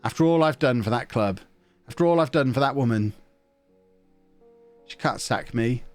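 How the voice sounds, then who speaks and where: He's a man streaming a football management game, speaking at normal speed in an animated, mid-range voice with faint music behind. His nose is slightly blocked as he chats casually, cracks jokes, hums and reads chat messages out loud.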